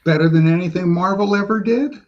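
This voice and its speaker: A man's voice: high-pitched, fairly quick. A man on a casual panel chat, teasing and joking, heard over muffled lo-fi audio.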